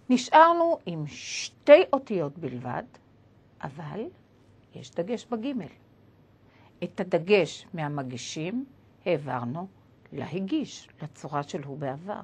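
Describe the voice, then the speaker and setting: A woman with a slightly husky voice teaches a lesson, her pitch rising and falling a lot as she explains. She moves step by step, spelling out letters one at a time.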